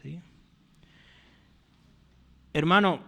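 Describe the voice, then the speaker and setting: A man's voice: on the high side, extremely slow, vocal fry, fairly bright tone. A man preaching a teaching sermon at a board, in a conversational way that keeps checking with his listeners. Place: church hall. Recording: long reverb of a church hall.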